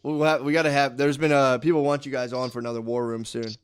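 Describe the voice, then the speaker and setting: A man hosting a podcast in casual chat, talking in halting, restarting phrases. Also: medium pitch, flat delivery, clear, resonant tone. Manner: rambling, halting, with frequent restarts. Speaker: podcast host.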